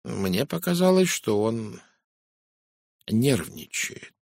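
Quiet, slow, deliberate detective, hushed and lower, as a male reader does him. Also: lively intonation, gravelly, breathy edge, dry recording, clean studio sound, full character voice. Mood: measured. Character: calm soft-spoken foreign male detective.

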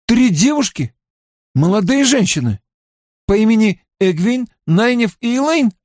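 An eager, insistent young man, as a male narrator plays him, pushing his voice higher with animated swings. He presses urgently and demandingly, heard close and dry in an audiobook. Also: measured pace, dry recording. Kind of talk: audiobook character voice.

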